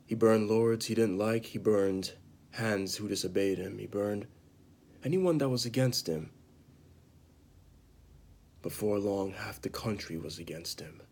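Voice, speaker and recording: In a halting, dramatic amateur monologue, a man plays a bitter, disgraced knight confessing that he killed a mad king, sometimes dropping into whispers. His voice is fairly low with a darkish tone, and the mood is bitter and brooding.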